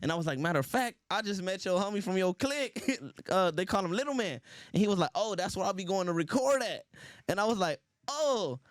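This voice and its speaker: This rapper guest from Los Angeles sounds high-pitched, animated and fairly quick as he recounts his story in a casual interview. He keeps to laid-back street slang, laughing a lot and asking "you feel me". The studio sound is clean with no room sound.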